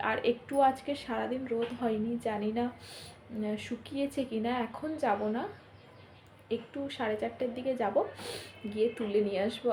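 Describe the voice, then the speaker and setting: This is a casual daily-life vlog where a young woman wanders through the events of her day, leaning on plenty of fillers. Her voice sits on the high side and stays hushed while others sleep, over slight background noise.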